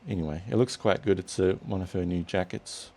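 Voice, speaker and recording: A young man hosting a casual chat, relaxed and rambling with restarts. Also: sits low, a little fast. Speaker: host.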